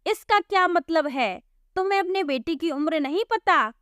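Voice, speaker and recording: A woman's voice: very high-pitched, animated, measured pace, a bit bright, dry recording, studio quality, voice pushed up, exaggerated voice. A woman voicing an impatient village police constable who scolds and questions people in a storybook tale. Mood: exasperated. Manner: scolding, exasperated. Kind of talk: storybook voice acting.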